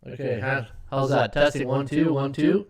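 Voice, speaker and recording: A man's voice: mid-range voice, moderate pace. Man, echoing as if in a tunnel. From Canada. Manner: chatty, greets viewers by name, many "uh" fillers. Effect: echoing tunnel-like sound on his microphone. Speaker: sports betting livestream host. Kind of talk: casual livestream chat. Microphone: USB desktop microphone. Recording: echoey hollow mic sound.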